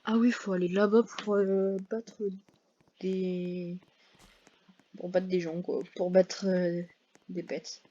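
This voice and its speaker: A woman's voice: on the low side, level tone, slow pace, pauses often, dark tone, highs cut off. A woman giving casual, hesitant commentary over her gameplay, full of fillers and self-corrections. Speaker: gaming video creator.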